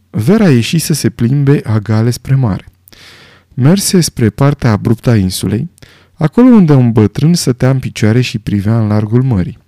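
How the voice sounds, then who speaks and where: An audiobook narrator reads a novel aloud from a script, measured and expressive in his storytelling. His voice is mid-range, and the studio-quality recording is dry.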